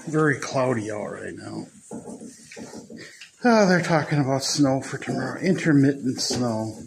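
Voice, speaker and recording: A man chatting casually while filming his goats in a barn, rambling slowly and sometimes cooing to the animals in a high voice. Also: lively intonation, vocal fry. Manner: slow, rambling, talks to his goats in high baby talk. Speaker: goat farmer vlogger. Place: goat barn pen, indoors. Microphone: phone camera held by the speaker. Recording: noisy barn phone recording.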